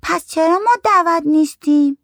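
A narrator voicing a small, curious little girl who asks slow, high, childlike questions in an audiobook story. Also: fairly bright tone, no room sound, clean studio sound.

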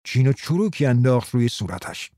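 A man narrating an audiobook in a calm, steady storytelling manner, close to the mic. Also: medium pitch, no room sound.

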